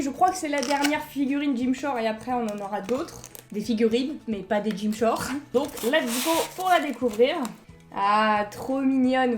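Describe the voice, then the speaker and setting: A woman's voice: high-pitched, darkish tone, slight background noise. A young French woman chatting enthusiastically as she unboxes collectible figurines in a casual vlog. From France.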